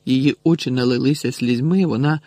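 A man reading a novel aloud as an audiobook narrator in a steady, expressive way. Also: medium pitch, fairly quick, no echo.

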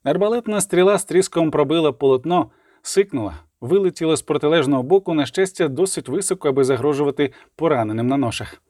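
A man narrating a storybook with a measured, dramatic reading. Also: fairly high pitch, expressive, a little mellow, dry recording, clean studio sound. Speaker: audiobook narrator. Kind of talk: scripted audiobook narration.

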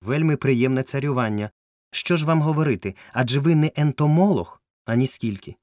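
A man's voice: mid-range voice, brisk, no room sound, pitched above the performer's own voice, close to an everyday voice. A man voicing a good-humoured ship captain with a dry, wry wit, recorded close and dry. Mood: wry, amused. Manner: wry, joking, calm.

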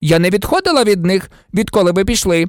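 A man's voice: high-pitched, very animated, quick pace, no echo, clean studio sound, pitched above the performer's own voice. A man voicing a stern, fussy female school nurse who scolds indignantly in an audiobook. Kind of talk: audiobook character voice.

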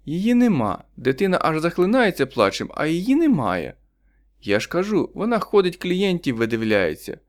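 A man's voice: on the high side, sing-song, moderate pace, voice pushed up. A man reading an audiobook, voicing a spiteful, gossiping woman neighbor with a sly, sneering manner.

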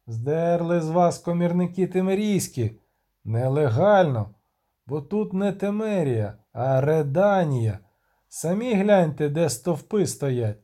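A man's voice: a little high, expressive, slow, dark tone. A man voicing a stern, authoritative male military commander who proclaims orders. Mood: commanding.

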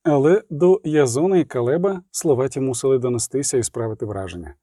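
A man reading a story aloud as narrator, in a measured, expressive way, close to the mic. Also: medium pitch, no room sound. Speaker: audiobook narrator. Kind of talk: scripted narration.

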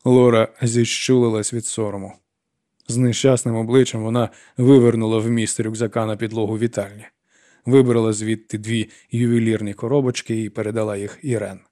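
A man narrating a novel in an even, steady reading voice. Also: fairly low pitch, brisk. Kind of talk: audiobook narration.

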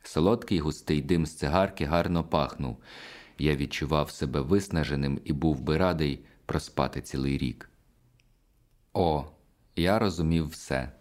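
A man narrates a literary novel in a measured, reflective manner. His voice sits at the very bottom of the male range. It is a steady first-person audiobook reading. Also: extremely low pitch.

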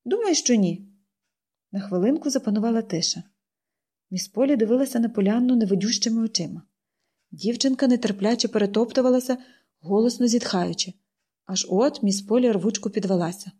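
A woman narrating an audiobook in a calm, measured reading voice. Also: on the high side, husky. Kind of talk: scripted narration.

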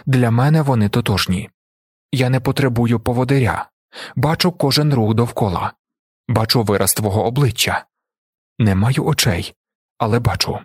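A man voicing a blinded young male emperor who speaks in a steady, measured, commanding way with a husky voice. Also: medium pitch, dry recording, studio quality, natural voice.

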